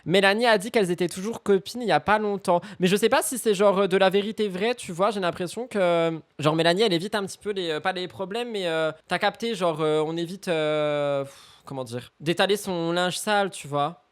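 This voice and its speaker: A man's voice: high-pitched, a little fast, clean tone. A man hosting a live gossip stream, mocking and ranting as he reacts to clips, slipping English phrases into his talk.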